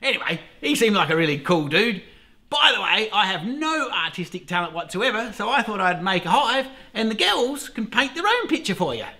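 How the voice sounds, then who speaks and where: A man's voice: high-pitched, big pitch swings, normal speed, pushed and bright. Chatty, profane Australian man. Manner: chatty, cheerfully profane, rambles with frequent laughs. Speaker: beekeeping vlogger. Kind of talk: casual rambling vlog talk. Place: by an observation hive.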